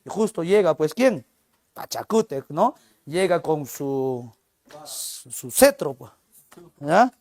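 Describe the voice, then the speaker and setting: A man's voice: fairly high pitch, takes it slowly, long pauses, dry recording. Male teacher acting out a story. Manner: lively retelling, acting out the characters. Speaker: literature teacher. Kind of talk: storytelling lecture.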